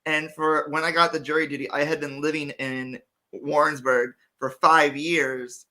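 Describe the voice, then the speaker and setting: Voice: medium pitch, little pitch movement, normal speed, sharp tone, rough recording. A podcast co-host chatting casually, laughing along and passing on comments from the chat. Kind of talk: casual discussion.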